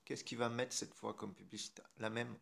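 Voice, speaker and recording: A man with a French accent hosts a casual screen-recorded phone tutorial, chatty and irreverent with some mild swearing. His mid-range voice is steady, brisk, gravelly, and slightly bright.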